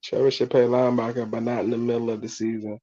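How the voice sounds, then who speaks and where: Over a phone, a man hosts a casual live sports fan stream about college football, using slang and repeating himself as he trips over words. He talks fast with a flat delivery and a dark, medium-pitched voice. The phone audio sounds dull and muffled.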